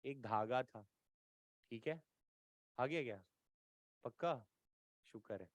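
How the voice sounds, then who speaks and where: A man's voice: medium pitch, slow, no room sound, dull audio. A man teaching an exam-prep physics lecture, coaxing and colloquial, often checking whether students follow. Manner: colloquial, playful teasing tone.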